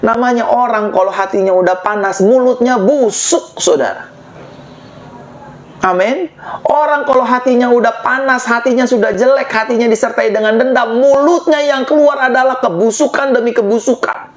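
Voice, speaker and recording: A man's voice: very high-pitched, normal speed. A male pastor preaching a sermon with passion, calling out to his congregation again and again. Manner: impassioned, addresses the congregation repeatedly.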